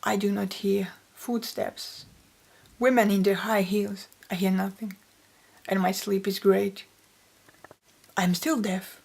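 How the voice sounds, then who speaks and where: A woman's voice: medium pitch, fairly even intonation, takes it slowly, gravelly, pauses often, a little mellow, husky. Woman, poet, reflective interview storytelling, mid voice, narrow melody. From Austria. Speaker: poet and author.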